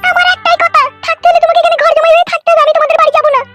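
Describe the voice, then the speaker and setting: In an amateur comedy cartoon dub, a woman voices a tiny, stubborn young wife with a squeaky, childlike sound, scolding and defiant. Her rapid-fire delivery is flat, bossy, curt and insistent. Loud music plays under her voice.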